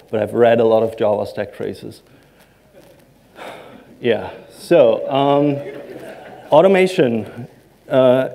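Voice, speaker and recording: On a large stage, a conference speaker stumbles through his talk with frequent ums and self-deprecating remarks. He's in his thirties, a native Serbo-Croatian speaker, and his voice is mellow and mid-range.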